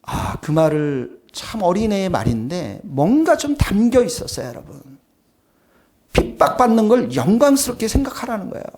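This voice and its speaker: A man's voice: high voice, sing-song, normal speed, darkish tone. A male pastor delivering a sermon, speaking emphatically and turning often to address the congregation, with plain personal stories mixed in. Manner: tells personal anecdotes in a plain conversational tone.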